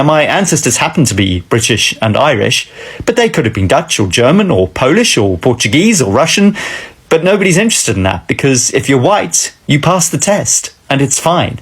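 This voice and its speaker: A man's voice: mid-range voice, slightly rough. A South African man in his forties, speaking earnestly and a bit wryly straight to a phone camera. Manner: earnest, wry, direct to camera. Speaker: commentator. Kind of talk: casual chat. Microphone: phone camera close up.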